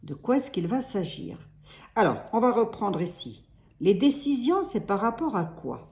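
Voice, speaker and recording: In a reverberant space, a tarot reader with a Lorraine French accent delivers a loose card-reading monologue, full of false starts and "hein". Her medium-pitched voice is sing-song and darkish, moving a little slowly.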